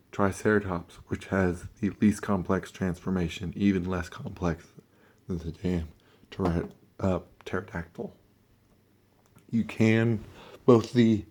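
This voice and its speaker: A man who sounds under the weather, giving a casual, halting, offhand hands-on toy review and talking through each step. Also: on the low side, a little mellow, slight background noise. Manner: offhand, halting, mildly sweary.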